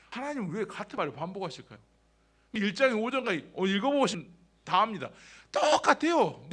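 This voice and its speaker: A male pastor delivers a sermon in a church, talking to his congregation as if in conversation and peppering it with rhetorical questions. His voice sits fairly high and leaps around with great animation. He jumps between loud, emphatic lines and quiet, low asides.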